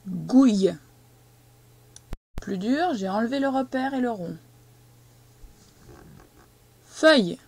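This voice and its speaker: A woman teaching a young child to read, speaking slowly and patiently and stressing each syllable as she dictates. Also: on the high side, lively intonation, a little mellow. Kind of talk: reading and spelling lesson for a young child.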